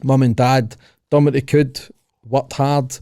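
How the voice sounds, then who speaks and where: A Glaswegian man in his thirties talks as a podcast guest, recounting his past in quick clipped bits with a cheeky edge. His voice is mellow and relaxed, and it is recorded close and dry with no room sound. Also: mid-range voice, dry recording. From Scotland. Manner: cheeky, storytelling, talks in short clipped phrases. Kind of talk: casual interview chat.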